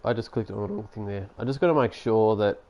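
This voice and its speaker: A man's voice: on the low side, animated, quick pace, dark tone. A man giving casual, sarcastic commentary while playing a basketball management game. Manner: chatty, sarcastic, grumbles at the game. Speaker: gaming YouTuber.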